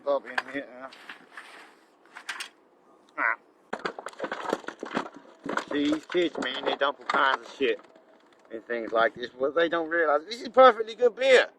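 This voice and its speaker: An actor playing a scruffy, eccentric drifter who rambles and drawls in a character comedy outdoors. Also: male voice, mid-range voice, expressive, measured pace, pauses often, heavy background noise. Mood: rambling. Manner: rambling, drawling, calls everyone "boy".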